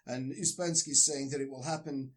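A man's voice: mid-range voice, fairly even intonation, moderate pace. A man on a call, discussing a book in a casual chat and breaking into emphatic, swearing rants. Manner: ranting, emphatic, swears freely. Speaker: discussion partner.

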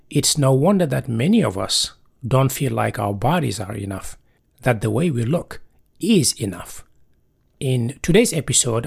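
A man's voice: mid-range voice, vocal fry, slightly rough. A man hosting a motivational podcast, introducing episodes and interviewing guests. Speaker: podcast host.

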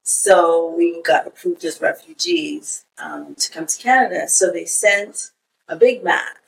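A woman in her forties who grew up in Kenya, talking as a podcast guest. Her voice sits low and a little back from the microphone. She tells stories in an easy way and keeps dropping in "you know". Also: a little slow, creaky, distant mic, poor audio. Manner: relaxed storytelling with frequent "you know". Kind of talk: casual conversation.

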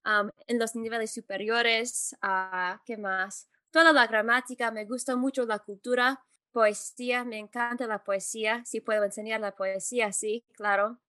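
A woman Spanish teacher answering interview questions, pausing often with fillers and correcting herself as she goes. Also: fairly high pitch, steady tone, pushed and bright, no room sound. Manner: hesitant, many fillers and self-corrections.

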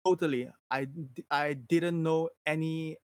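On a livestream, a Singaporean man whose native language is Mandarin chats casually and candidly with real animation. His voice is a little high, his accent Singaporean, and he keeps a measured pace.

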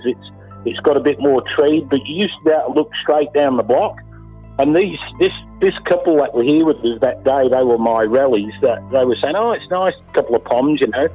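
Emphatic Australian man on a phone-like line. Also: medium pitch. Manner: emphatic, swears casually, repeats himself. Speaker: interviewee, landowner. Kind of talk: casual storytelling. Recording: phone-like line with faint music.

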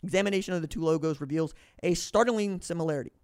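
A podcast host, a native English speaker with a fairly high, smooth voice, reads a book aloud at a quick pace and adds his own commentary. He stumbles and corrects himself mid-sentence. The recording is close and dry, with no room sound.

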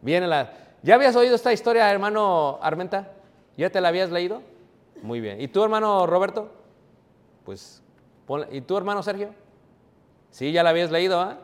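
A man preaching a sermon, joking with his congregation by name and reading scripture slowly and loudly. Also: sits high, animated. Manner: jokes with the congregation, calling on members by name. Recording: echoey hall.

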